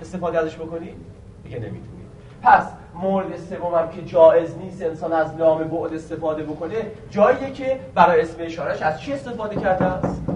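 A man teaching a grammar lesson, quizzing the students with questions and slowly stretching out key words. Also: fairly high pitch, recorded from a distance, slight background noise. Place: classroom. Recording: echoey room recorded from afar.

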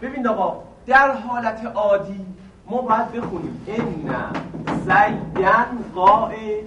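A man with a high voice teaches a grammar lesson to a seminary class. He asks his students questions and answers them himself, going over each point again and again. He sounds set back from the microphone in a roomy, echoing space, with a faint hiss of noise behind him. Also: expressive. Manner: repeats each point patiently. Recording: echoey room, mic at a distance, faint noise.

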